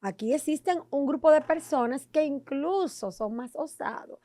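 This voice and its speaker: A Dominican-accented woman hosts a podcast with a chatty, wry manner. Her voice is on the high side, and the recording is close and dry. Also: lively intonation, normal speed, warm tone, no echo. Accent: Dominican Spanish. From Dominican Republic. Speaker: host. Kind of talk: podcast interview.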